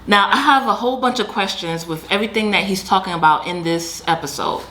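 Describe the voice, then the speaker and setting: A woman's voice: medium pitch, a little fast, bright, forceful tone. Woman asking questions to camera. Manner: questioning, conversational, frequent "okay". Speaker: commentary vlogger. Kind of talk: casual commentary to camera.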